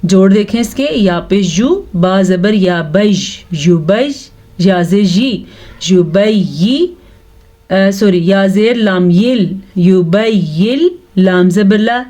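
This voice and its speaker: A woman teaching Quran recitation step by step. She spells out letters and vowel marks syllable by syllable, and she chants the verses slowly. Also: medium pitch, warm tone. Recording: dull lo-fi recording.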